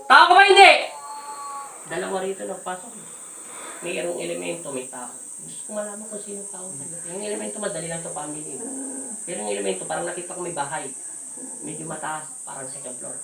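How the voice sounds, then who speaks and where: A woman folk healer interrogating a spirit during a healing ritual, commanding and repeating her questions loudly. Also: lowish voice, fast, creaky. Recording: echoey room, voice from some distance, faint hiss.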